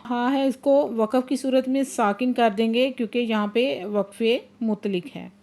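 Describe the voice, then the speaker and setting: A woman teaching Quran recitation, chanting verses slowly and drawn out, then explaining the rules briskly. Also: fairly high pitch, steady tone, darkish tone. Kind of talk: tajweed lesson, slow chanted recitation then quick explanation.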